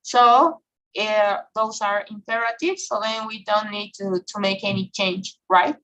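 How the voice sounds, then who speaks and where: A woman with a mid-range, pushed and bright voice teaches an online English grammar class at a measured pace. She checks in constantly, dropping fillers like "okay?" and "right?". The recording quality is low.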